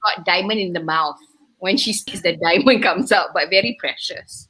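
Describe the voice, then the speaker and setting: A woman's voice: on the low side, normal speed, pushed and bright, a little hiss or hum, poor audio. A woman with a Malaysian accent, chatting casually as she gives advice as a panel guest. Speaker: panel guest, business coach. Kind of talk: casual chat.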